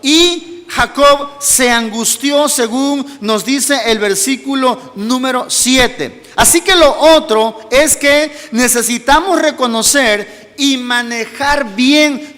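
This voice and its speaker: Pastor preaching in a reverberant church. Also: male voice, slow pace, few pauses. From Mexico. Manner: storytelling, drops to soft low tones in personal anecdotes. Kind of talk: sermon. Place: church hall.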